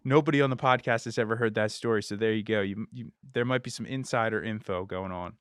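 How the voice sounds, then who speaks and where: A man hosting a podcast interview, thanking his guest and telling a story in a relaxed, chatty way. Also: on the low side, fast talker, smooth, dry recording, studio quality. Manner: relaxed storytelling, acts out quoted lines. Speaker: podcast host. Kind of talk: casual interview chat.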